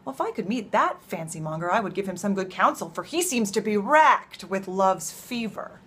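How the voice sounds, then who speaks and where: Hammy witty country youth in an old stage comedy, teasing, very theatrical. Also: female voice, mid-range voice, very animated, moderate pace, fairly bright tone, husky. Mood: mock indignant. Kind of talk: classical stage acting of Shakespearean comedy.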